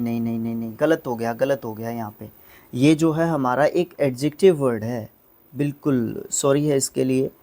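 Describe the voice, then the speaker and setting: A man's voice: medium pitch, a little mellow. Hindi-speaking man teaching English words. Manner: explains slowly, spells words out, corrects himself aloud. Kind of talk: online vocabulary lesson.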